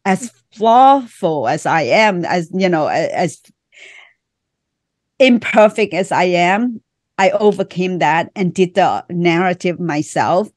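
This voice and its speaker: A middle-aged woman from Vietnam with a Vietnamese accent talks about her life as a guest on a podcast. Her voice sits a little low and sounds dry and close to the mic. She speaks earnestly, in short, heartfelt phrases. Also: animated, slow, no room sound. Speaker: author and guest. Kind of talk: podcast interview.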